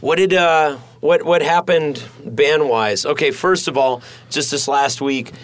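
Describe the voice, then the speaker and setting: A podcast host with a slightly high voice chats casually in a studio, rambling at an unhurried pace. His talk is profane and packed with fillers.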